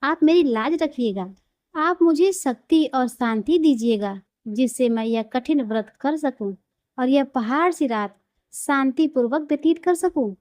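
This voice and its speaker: Devout old woman, frail and pleading, read by a woman narrator, soft mellow tone, dry sound. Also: high-pitched, expressive, measured pace, no echo. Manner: pleading and earnest.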